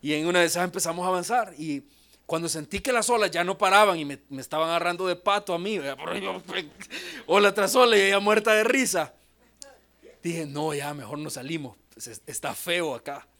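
A man's voice: high-pitched, brisk, fairly bright tone. A young adult man, a pastor, preaching a sermon, telling a personal story and then pressing his point with emphatic calls to prayer. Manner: earnest preaching with a personal anecdote, rising to emphatic exhortations.

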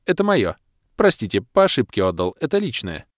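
A man voicing a flustered, embarrassed male healer who squeaks and pleads to justify himself. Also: wildly swooping pitch, a little fast, dry recording, clean studio sound. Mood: startled.

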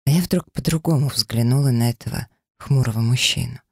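A man narrating a story in the first person, reading in a steady way. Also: mid-range voice, a little fast, husky, no echo, clean studio sound. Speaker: audiobook reader. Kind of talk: audiobook narration.

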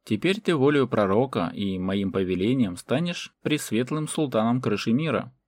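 A male narrator voicing a proud warlord who declaims in a booming, commanding way. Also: animated, moderate pace, a little mellow, no room sound, natural voice.

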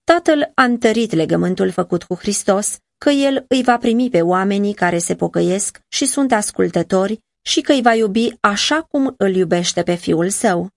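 A woman narrating a devotional audiobook in a measured, earnest reading voice on a close mic. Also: medium pitch, expressive, gravelly, no echo.

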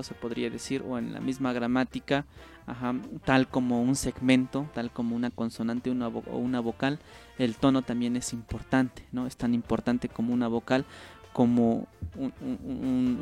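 A man's voice: medium pitch, a little mellow. A man, a linguist whose first language is Mazahua, patiently explaining ideas on a radio program and checking in with the listener as he goes. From State of Mexico. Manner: patient, explains with examples, frequent "¿no?" tags. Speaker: linguist guest.

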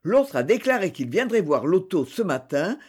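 A reader voicing a composed male prosecutor speaking in a measured, official manner in an audiobook. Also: medium pitch, big pitch swings, darkish tone, breathy edge.

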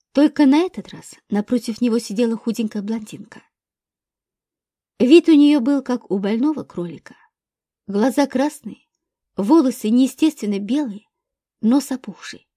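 A woman narrates an audiobook with even, steady delivery. Her voice sits somewhat high but sounds mellow and dark. The recording is close and dry. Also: dry recording. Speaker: audiobook reader.

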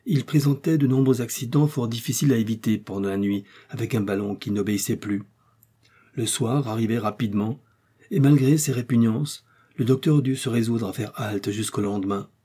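A man reading an adventure novel aloud, in steady, measured audiobook narration. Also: mid-range voice, breathy edge. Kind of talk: scripted narration.

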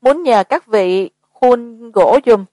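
A woman doing a hoarse, ominous village chief. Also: on the high side, lively intonation, slow, warm tone, no echo.

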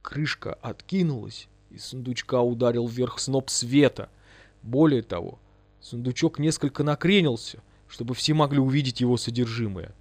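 A man's voice: medium pitch, moderate pace, no room sound. A man giving a dramatic, vivid first-person audiobook narration.

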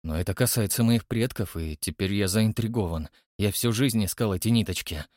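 A man doing a calm, low-voiced hero. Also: dry recording, studio quality, natural voice. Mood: measured. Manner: low, measured, quiet.

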